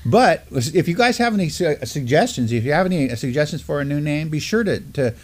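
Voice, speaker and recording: In a small studio, a middle-aged man with an American accent co-hosts a Native news live stream from behind a desk, mixing casual discussion with articles read aloud. His voice is fairly high, expressive and darkish, and he talks a little fast.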